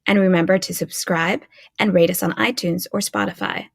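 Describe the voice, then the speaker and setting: A woman's voice: on the low side, fairly even intonation, normal speed, gravelly, slightly rough. A woman hosting an interview podcast, reading an upbeat scripted intro and then chatting with her guest. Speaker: podcast host.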